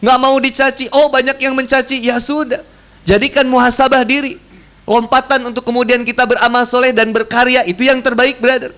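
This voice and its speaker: A man preaching to young people with a lilt and a strikingly high voice. He talks in a loose, slangy way and keeps acting out little voices and scenes to make his points. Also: brisk. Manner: lively, slangy, acts out voices. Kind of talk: casual youth sermon.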